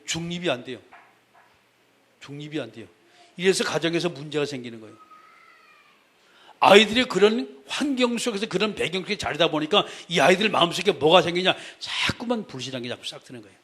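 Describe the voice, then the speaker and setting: A man preaching a sermon in a high voice whose pitch swings widely. His delivery is animated and conversational, and he keeps returning to the same phrases to drive each point home. His tone is bright, with a slightly husky edge. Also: brisk. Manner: emphatic, repeats key phrases; conversational, speaks directly to the congregation. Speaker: pastor.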